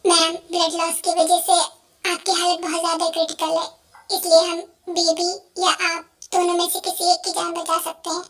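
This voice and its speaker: A woman's voice: extremely high pitch, completely flat delivery, normal speed, a bit bright. A woman playing a firm, formal female doctor in a fan dub. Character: calm professional female doctor.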